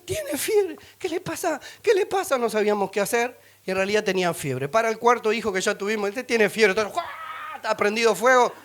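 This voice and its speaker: A middle-aged male pastor with a Rioplatense Spanish accent and a notably high voice for a man. He preaches with humor, slipping into other people's voices, singing short bits and laughing as he tells family stories. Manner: animated, acts out voices and sings snippets, laughs often. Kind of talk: humorous sermon storytelling.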